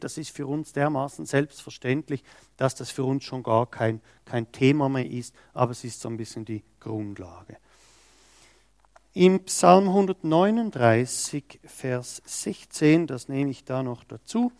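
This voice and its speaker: A man's voice: mid-range voice, a little mellow, dry recording, clean studio sound. A man preaching a sermon, reading scripture and stressing quoted words with emphasis. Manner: slow, emphatic, acts out quoted speech.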